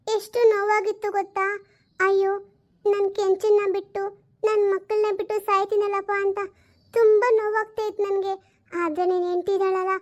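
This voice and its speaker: A woman voicing the gentle, sorrowful ghost of a dead wife who speaks unseen, pleading slowly and tenderly. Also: very high voice. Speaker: spirit speaking unseen to her husband.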